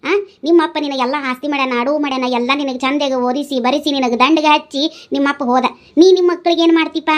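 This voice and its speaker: A woman's voice: high voice, lightly acted. A woman voicing an older widowed village mother who scolds and pleads with her drinking son, in a North Karnataka Kannada accent. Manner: nagging, pleading, tearful.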